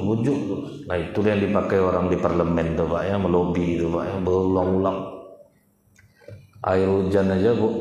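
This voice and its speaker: A man's voice: low-pitched, warm tone, a little hiss or hum. A man preaching a sermon, telling a story and speaking directly to the congregation. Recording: echoey hall with long reverb.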